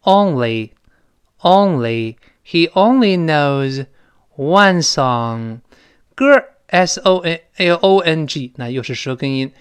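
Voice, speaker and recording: Man, English teacher, slightly high voice, animated, stretches out model phrases. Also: slow pace, clear, resonant tone. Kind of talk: spoken English lesson.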